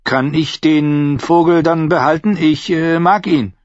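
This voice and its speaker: A man voicing a huge, slow-witted, childlike man who speaks simply and turns touchy. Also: on the high side, steady tone, dry recording, voice pushed up, lightly acted. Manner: slow, simple, pleading then threatening. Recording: dull, muffled audio.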